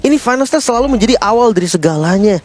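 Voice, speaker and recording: A man's voice: high-pitched, lively intonation, rapid-fire, darkish tone. A man with an Indonesian accent giving emphatic live esports analysis as a co-caster, repeating phrases to drive points home. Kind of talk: live game analysis commentary.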